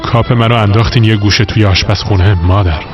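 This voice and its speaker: A man voicing a resentful son in a dubbed drama, his voice low and reproachful. The sound is slightly muffled, with music clearly underneath. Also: steady tone, close to an everyday voice. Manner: reproachful, wounded. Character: bitter grown son resenting his mother's favoritism.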